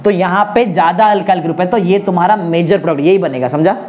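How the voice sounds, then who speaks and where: A man's voice: high voice, a little mellow. Coaxing Indian male chemistry teacher. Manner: drills students in slow repetition, coaxing and joking. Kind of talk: classroom lecture. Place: classroom with students.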